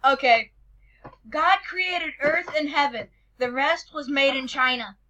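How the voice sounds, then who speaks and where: A woman's voice: high-pitched, measured pace, pushed and bright, rough recording. A woman hosting a casual joke-reading challenge, reading jokes aloud and stumbling over the words.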